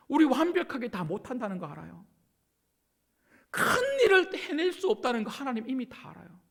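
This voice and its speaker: A man giving a Sunday sermon as senior pastor, pressing hard on some words and dropping to a hushed voice on others. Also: extremely high pitch. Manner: emphatic preaching that swings between loud stresses and soft hushed passages.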